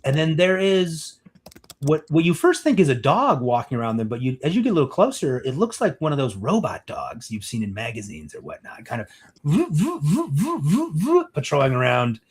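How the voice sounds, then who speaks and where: A man running a tabletop game, describing the scene in a loose, rambling way full of fillers. His voice moves around a lot in pitch as he narrates. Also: big pitch swings, fairly quick, slightly rough. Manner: rambling, casual, many fillers. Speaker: game master.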